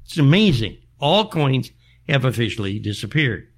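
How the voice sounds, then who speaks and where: A man's voice: mid-range voice, very animated, moderate pace, breathy edge. An older American man hosting a show, ranting in an exasperated, folksy back-in-my-day manner full of rhetorical questions. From United States. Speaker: show host. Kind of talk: back-in-my-day style rant monologue.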